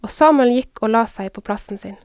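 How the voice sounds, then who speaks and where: Woman reading bible passages, measured, smooth clear voice, bit high, dry. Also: no room sound. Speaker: scripture reader.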